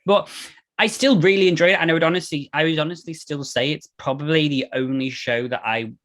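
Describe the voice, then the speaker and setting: A man's voice: on the high side, fairly quick, a bit bright. A man, co-hosting a podcast and chatting animatedly about a television series. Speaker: podcast co-host. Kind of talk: casual chat.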